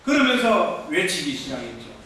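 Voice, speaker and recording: A male pastor giving a fervent revival-meeting testimony, shouting out exclamations. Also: a little high, very animated, moderate pace. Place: church hall. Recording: echoey church hall, from far off.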